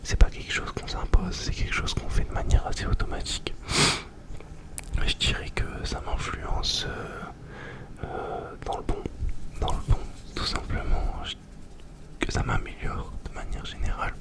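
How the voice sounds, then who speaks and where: Young guy doing asmr, whispering super close right in your ear, just casually chatting. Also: measured pace. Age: young adult. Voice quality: breathy whisper. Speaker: ASMR video host. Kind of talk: ASMR, informal question-and-answer chat. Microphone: very close to the microphone.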